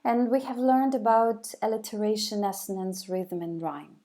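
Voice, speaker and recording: A woman's voice: mid-range voice, steady tone, normal speed, dark tone. A woman giving a recorded video lecture, hesitant, with many fillers and restarts.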